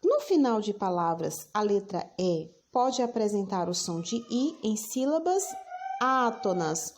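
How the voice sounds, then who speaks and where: A woman teacher, giving a recorded lesson for children and dictating words slowly, repeating each one. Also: on the high side, a little mellow.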